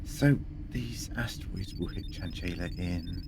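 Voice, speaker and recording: A man's voice: sits low, measured pace, music in the background. A man playing a whimsical, eccentric time-travelling scientist in an audio drama, flippant, inquisitive and theatrical. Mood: inquisitive, wry. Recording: noticeable background noise.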